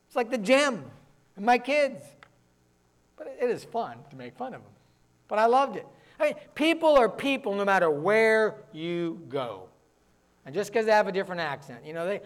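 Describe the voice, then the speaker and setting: A man from the northern United States preaching a sermon as pastor, talking fast and mixing in joking asides. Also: sits high, fairly bright tone.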